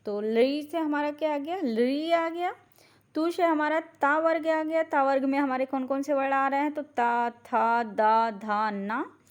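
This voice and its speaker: A woman teacher giving a lecture, asking questions and answering them herself, spelling out syllables slowly one by one. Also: high-pitched. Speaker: Ayurveda teacher. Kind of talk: classroom lecture, Sanskrit grammar.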